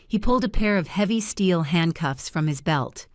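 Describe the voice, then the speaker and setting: A woman with a very low voice narrates a first-person drama story in a steady, even manner. The sound is dry and close, with no room echo. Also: moderate pace.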